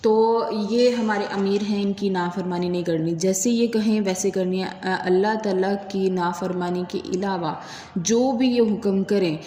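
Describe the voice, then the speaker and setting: A woman teacher with a Pakistani Urdu accent, giving a patient classroom lesson and slowly sounding out letters. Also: medium pitch, steady tone, mellow. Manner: patient, drawn-out letter recitation. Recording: echoey hall, faint room noise.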